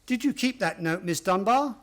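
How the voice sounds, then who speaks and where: A man acts a loyal gentleman doctor in a radio mystery. His voice is notably high for a man. He speaks earnestly, in an old-fashioned, slightly bemused way. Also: expressive, normal speed. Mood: earnest, storytelling. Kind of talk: radio play acting.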